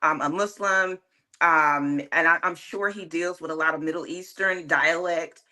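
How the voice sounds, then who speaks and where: A woman's voice: low-pitched, steady tone, unhurried, bright, forceful tone. A woman speaking as a guest in a casual discussion, earnest and opinionated, with plenty of likes and ums. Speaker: panel guest.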